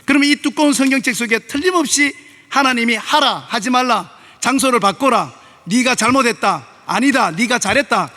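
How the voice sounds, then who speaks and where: A middle-aged man preaching a sermon as pastor, telling stories and acting out voices in lively dialogue, recorded in a church sanctuary. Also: very high voice, fairly quick. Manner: animated, acts out dialogue in shifting voices. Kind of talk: sermon with storytelling. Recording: long hall reverb of a church.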